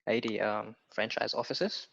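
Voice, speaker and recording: A man's voice: fairly low pitch, moderate pace, gravelly. A man in his twenties from Ethiopia, a guest chatting casually about his analyst work, with lots of "you know" and "um". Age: 20s. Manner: relaxed, many fillers like "you know" and "um". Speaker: guest, property research analyst. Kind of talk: casual interview chat. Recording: dull lo-fi audio.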